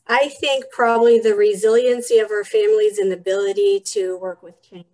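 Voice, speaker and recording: A woman's voice: fairly high pitch, expressive, a little fast, a little mellow, rough recording. A woman answering as a panelist over a video call whose audio keeps cutting out. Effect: call audio cutting out, glitchy. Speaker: webinar panelist.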